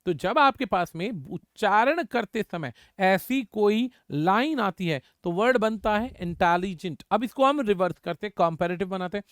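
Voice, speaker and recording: Male grammar tutor, high voice, repeats drill words for students, dry booth sound. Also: animated, normal speed, hardly any pauses, smooth, dry recording. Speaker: English grammar teacher. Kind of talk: exam-prep grammar lesson.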